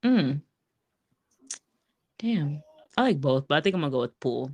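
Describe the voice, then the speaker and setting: A woman's voice: low-pitched, big pitch swings, unhurried, a little mellow, muffled recording. A woman being interviewed in a casual podcast chat, playful and blunt, laughing often. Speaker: podcast guest.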